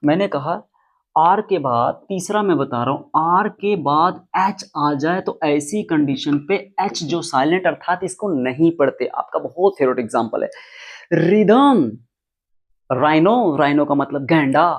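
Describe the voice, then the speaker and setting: A man's voice: on the high side, normal speed. A man teaching English pronunciation, explaining rules emphatically and repeating key words. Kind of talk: classroom-style explanation.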